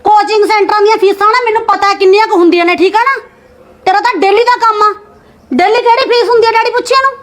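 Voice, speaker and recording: A woman's voice: extremely high pitch, fairly even intonation, fast. A woman playing a married sister-in-law who scolds the spoiled daughter and argues about money. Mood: scolding. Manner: nagging, sarcastic. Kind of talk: Punjabi short-film acting.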